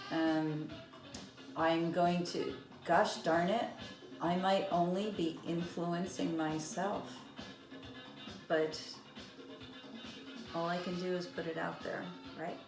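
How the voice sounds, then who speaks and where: A woman vlogging about knitting in casual, rambling chat with many fillers. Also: lowish voice. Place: room with vinyl playing. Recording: echoey room, music behind. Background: eighties vinyl record playing.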